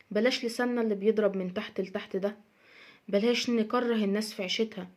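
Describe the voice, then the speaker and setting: Egyptian woman ranting advice fast, repeats herself a lot, kinda high voice. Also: darkish tone. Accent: Egyptian Arabic. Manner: emphatic, repeats her points. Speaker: social media advice speaker. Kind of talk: casual advice monologue.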